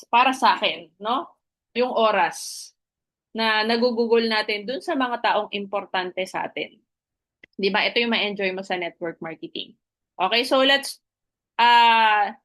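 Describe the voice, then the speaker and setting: A woman's voice: a little high, fairly bright tone. Persuasive woman presenter, many tag questions. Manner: keeps checking in with listeners through tag questions; switches freely between two languages mid-sentence. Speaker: network marketing presenter. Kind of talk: motivational recruitment talk with a story.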